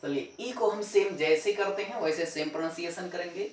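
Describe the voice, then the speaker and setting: In a classroom-style pronunciation lesson, a male English teacher speaks in a high voice at a slightly quick pace. He poses questions and answers them himself, repeating every sound. The mic sits far away, giving the recording a roomy echo.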